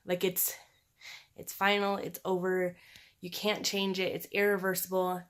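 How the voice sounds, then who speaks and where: A woman with a scratchy, sore-throat voice talking in a halting, candid, conversational way, as in a casual personal video diary. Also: lowish voice, little pitch movement, fairly bright tone. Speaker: personal vlogger.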